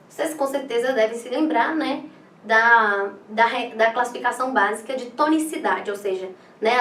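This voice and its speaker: A woman with a Brazilian accent gives a recorded exam-prep lesson in a light, slightly high voice. She speaks in a loose, chatty way, full of fillers and "né?" tags. The sound is roomy and a bit distant, with faint ambience behind her. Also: fairly bright tone, a little hiss or hum. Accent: Brazilian Portuguese. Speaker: online exam-prep teacher.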